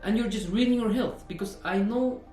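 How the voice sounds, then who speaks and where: Brief: man, 20s, personal trainer vlogging; earnest, repetitive, high voice over faint background music. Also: moderate pace, mellow, roomy sound. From Norway. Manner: earnest, repeats himself, frequent "you know". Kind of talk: earnest fitness vlog monologue.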